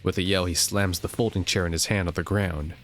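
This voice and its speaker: A young man reading a game's story text aloud in a steady way, sometimes joking about his own misreads. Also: deep voice, a little fast, soft background music. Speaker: gameplay narrator.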